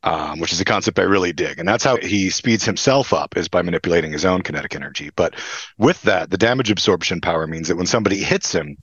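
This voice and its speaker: A man's voice: deep voice, slightly rough, dry recording, highs cut off. A man in a tabletop game eagerly describing his hero and chatting with the table. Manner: eager, quick, excitable. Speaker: player. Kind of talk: casual chat.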